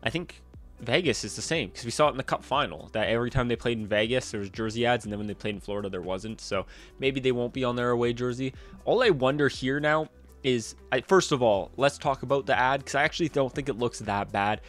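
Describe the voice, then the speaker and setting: Speaking quickly in a mid-range, somewhat bright voice, a twenty-something guy with a slight cold shares strong opinions on hockey jerseys for a casual vlog. He's using a desk mic on a boom arm in a small room, with soft music playing in the background.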